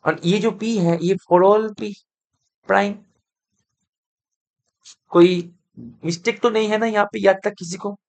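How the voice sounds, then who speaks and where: A man's voice: sits high, steady tone, slow pace, long pauses. A man teaching math in a live online lecture, speaking. He talks students through each step and keeps coaxing them to answer and confirm that they follow.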